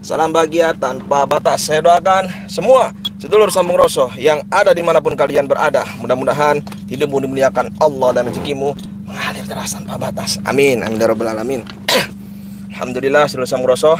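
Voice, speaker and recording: A man's voice: mid-range voice, fairly quick. Man, live-stream host, casual chat, repeats phrases, car interior, noisy. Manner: chatty, prayerful, repeats phrases. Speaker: live-streaming spiritual healer vlogger. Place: car at night.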